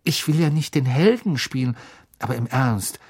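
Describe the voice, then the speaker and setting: A man's voice: mid-range voice, expressive, a little mellow, husky. A man voicing a frank, defiant teenage boy in an audiobook, speaking bluntly. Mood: frank, earnest. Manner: blunt, quick, earnest.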